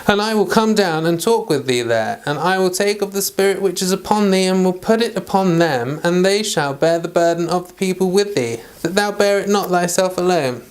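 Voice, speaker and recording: Animated and barely pausing, a medium-pitched host leads a homely Bible read-along at a normal speed. The delivery moves from formal scripture to informal chatter, as someone reading for their own sake and for listeners.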